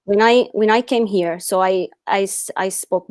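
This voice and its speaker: A woman's voice: mid-range voice, moderate pace, a little mellow, no echo. Hesitant woman. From Saudi Arabia and Syria. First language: Arabic. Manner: hesitant, searching for words, laughing often. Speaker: student. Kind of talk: introducing herself in class.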